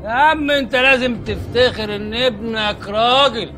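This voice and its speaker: Bright-voiced teasing man. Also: extremely high pitch, normal speed, faint music behind. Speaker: comic actor in a sketch.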